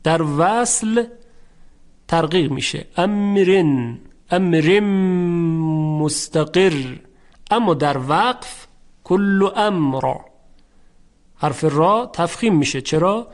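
A man teaching the rules of Quran recitation, explaining calmly and repeating words slowly to demonstrate them, at times chanting verses. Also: fairly high pitch.

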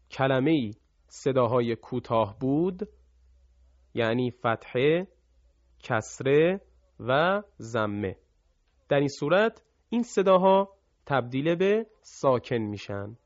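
A man teaching Quran recitation rules, explaining quickly between slow, chanted examples for students to repeat. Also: mid-range voice, big pitch swings, no echo. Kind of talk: recorded tajwid lesson with recited examples. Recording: dull lo-fi sound.

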